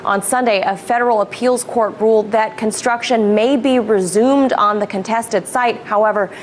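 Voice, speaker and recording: A woman news reporter reading a scripted report in a steady, measured way. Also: a little high, slight background noise.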